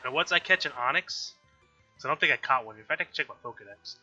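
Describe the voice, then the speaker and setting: Expressive, quick and bright with a forceful tone, a mid-range male voice hosts a let's-play, chatting casually as he plays. He sounds allergy-stuffed and a little nasal, and his chatty talk is full of self-corrections and throat clearing. Faint music sits behind a dull, lo-fi recording.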